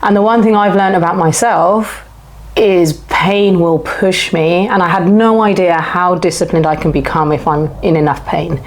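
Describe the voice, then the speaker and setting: Her voice fairly low and her tone steady, a woman in her forties talks at a moderate pace as a guest on an interview show. She shares her personal story candidly and thoughtfully, in short, flowing phrases.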